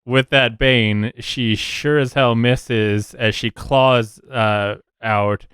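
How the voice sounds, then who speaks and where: A man's voice: mid-range voice, fairly even intonation, very slow, a bit bright, clear, resonant tone, no echo, studio quality. A man narrating a tabletop game as game master in a casual, rambling way with many fillers.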